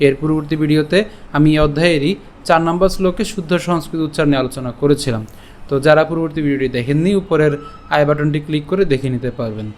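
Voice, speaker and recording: A man's voice: a little high, a little mellow, a little hiss or hum. A man from Bengal teaching Sanskrit verse pronunciation, breaking words into syllables and checking in with the listener. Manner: slow syllable-by-syllable chanting of verses; patient, often asks "ঠিক আছে?". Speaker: Gita recitation teacher.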